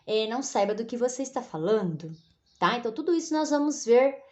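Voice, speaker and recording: A woman's voice: on the high side, expressive, fairly quick, darkish tone. A Brazilian woman teaching a recorded lesson, patient and repetitive, checking in with the class after almost every phrase. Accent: Brazilian Portuguese. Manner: patient, repeats tag questions like "né?" and "tá?".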